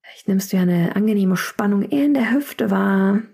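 A woman leading a guided chair yoga class, calmly cueing breaths and counting down each hold in a soft, often near-whispered voice. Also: medium pitch, normal speed, gravelly, husky. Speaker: yoga instructor.

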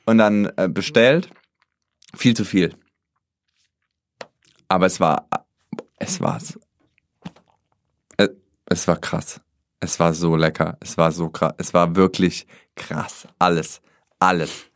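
A man chatting casually as a podcast co-host, telling a story in an animated way. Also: deep voice, takes it slowly, pauses often, dry recording. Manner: animated, acts out quoted dialogue.

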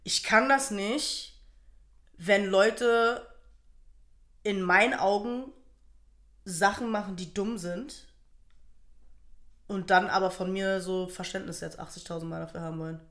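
A woman's voice: medium pitch, steady tone, a little slow, pauses often, fairly bright tone. Blunt, foul-mouthed German woman. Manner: blunt, crude, swears freely. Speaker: podcast co-host. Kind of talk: casual chat.

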